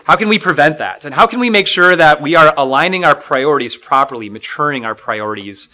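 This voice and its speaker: Middle-aged guy from minnesota teaching a bible class, bright forceful voice, earnest, lots of ums and restarts. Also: fairly high pitch, lively intonation, a little fast. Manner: earnest, reflective, with frequent fillers and restarts. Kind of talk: Bible lesson.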